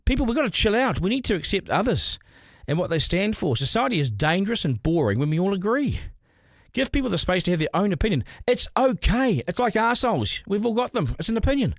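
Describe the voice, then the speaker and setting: A man's voice: high-pitched, very animated, quick pace, no room sound, studio quality. A man, hosting a podcast with a blunt, opinionated monologue. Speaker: podcast host.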